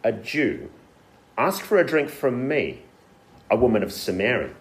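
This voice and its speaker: A man voicing a Samaritan woman at a well, reading her lines in a slightly raised, measured register. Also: medium pitch, big pitch swings. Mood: questioning.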